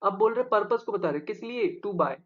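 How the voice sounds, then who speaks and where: A man's voice: high-pitched, animated, normal speed, a bit bright, dull audio. A man teaching an exam-prep English grammar lesson, explaining step by step and quizzing his viewers with rhetorical questions.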